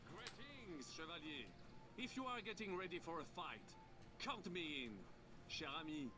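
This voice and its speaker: An actor playing a gallant, eager French knight in a video game, speaking courtly English with a French accent. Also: male voice, fairly high pitch, lively intonation, a little slow, music in the background. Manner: courtly, spirited. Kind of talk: video game role-play dialogue.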